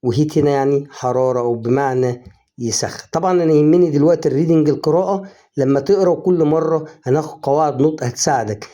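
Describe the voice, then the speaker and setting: A man's voice: fairly high pitch, dark tone. A man with an Egyptian Arabic accent teaching English phonics in an online lesson, coaxing, often prompting the viewer and drawing out the example words. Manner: drawn-out, slowed example words.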